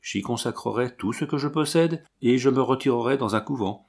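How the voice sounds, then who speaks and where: A devout marquise speaks with quiet, solemn firmness, voiced by a man reading aloud. She tells of her resolve in even, measured tones, a noble lady given over to duty. It is a plain audiobook reading. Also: mid-range voice, vocal fry, husky. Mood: solemn, resolute. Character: devout grave noble woman, a marquise nursing wounded soldiers.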